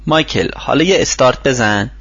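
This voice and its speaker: Male reader playing patient older workshop mentor, lively advising voice, husky, dull dry audiobook sound. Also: mid-range voice, dry recording.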